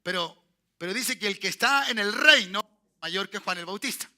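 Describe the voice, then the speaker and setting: Bright-voiced pastor preaching. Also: male voice, high-pitched, expressive, moderate pace. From Chile. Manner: checks in with the congregation with tag questions; repeats words and restarts phrases. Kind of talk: sermon. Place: church.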